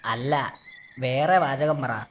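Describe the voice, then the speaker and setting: A man's voice: mid-range voice, drawn-out words, slight background noise. A man voicing a clever male cartoon animal trickster who talks in an instructive, self-assured manner. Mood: knowing, instructive. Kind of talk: cartoon voice acting.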